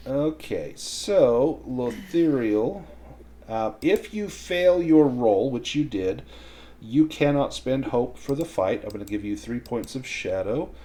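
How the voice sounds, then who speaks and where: A man running a tabletop role-playing game, narrating and explaining rules in a measured way. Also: medium pitch, expressive, mellow. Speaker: game master.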